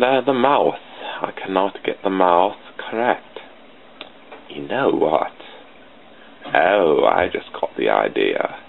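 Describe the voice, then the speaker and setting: A channel host drawing sprites, a British man with a low, gravelly voice, rambles self-deprecatingly to himself as he draws on a computer. He's at a home desk on a cheap computer mic, which gives a tinny, phone-like lo-fi sound with faint hiss.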